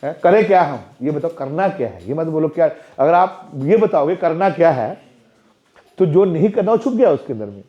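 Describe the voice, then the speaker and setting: A man's voice: on the high side, animated, moderate pace. A man who is a temple president giving an interactive spiritual talk to parents, often asking the audience questions in a playful, chatty way. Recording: dull lo-fi recording.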